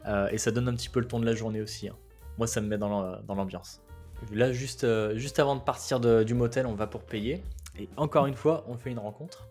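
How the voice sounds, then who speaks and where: A man from France casually recounting a road trip, chatty and relaxed, with frequent hesitations. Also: mid-range voice, a little fast, soft background music. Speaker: travel guest. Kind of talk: casual travel storytelling.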